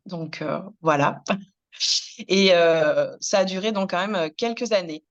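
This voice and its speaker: A woman in her thirties, a hairdresser, recounting her career in a hesitant interview, with many pauses and restarts. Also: on the low side, highs cut off. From France. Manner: many fillers and restarts, soft laughs. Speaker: hairdresser and business founder, interviewee. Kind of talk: hesitant personal storytelling.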